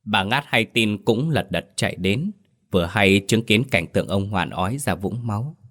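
A man narrating a scripted horror story in a slow, ominous storytelling manner. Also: fairly low pitch, animated, fairly bright tone.

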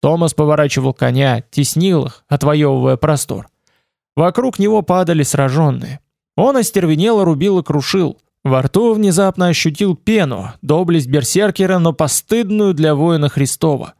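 A man narrating an adventure novel aloud as an audiobook, in steady storytelling. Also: fairly high pitch, moderate pace, gravelly, dry recording, clean studio sound. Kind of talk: scripted narration.

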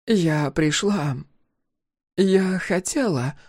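A man voicing a proud older woman scientist who speaks haltingly. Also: lowish voice, expressive, a little mellow, no echo, studio quality, pitched above the performer's own voice. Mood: hesitant. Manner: halting, hesitant, apologetic.

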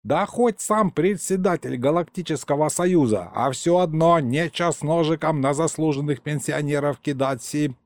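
A man voicing a grumpy, boastful old grandfather who tells stories in a drawn-out, sing-song folksy way. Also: on the high side, dry recording, studio quality, pitched above the performer's own voice, lightly acted. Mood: rambling. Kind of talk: audiobook character voice.

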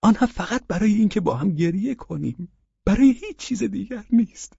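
A man's voice: sits high, expressive, vocal fry, mellow, slightly rough, dry recording, lo-fi sound, pitched above the performer's own voice, full character voice. A man voicing a fawning, overwrought middle-aged widower in an audiobook, pleading in a raised, emotional voice. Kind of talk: audiobook character reading.

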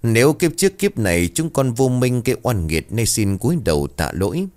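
A man voicing a calm middle-aged male ritual master who speaks prayers in a solemn, measured way. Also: mid-range voice, pitched above the performer's own voice, natural voice.

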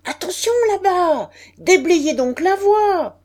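A woman reading an audiobook voices a harried male stationmaster who shouts orders along the platform. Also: extremely high pitch, lively intonation, slow pace, pitched above the performer's own voice, heavily acted. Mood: alarmed.

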